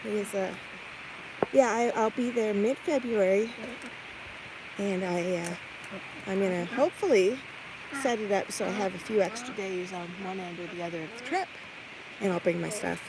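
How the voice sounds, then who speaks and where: Super noisy handheld farm recording w chickens, woman w average pitch rambling casually while doing chores, talking to the animals. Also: normal speed, long pauses. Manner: rambling, thinking aloud while busy with chores; coos and chats to animals in questions. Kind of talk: casual chatty livestream walk-about, talking to viewers and animals. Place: farmyard, barn and chicken coop. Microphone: handheld phone or camera. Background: clucking chickens, rooster, farm ambience.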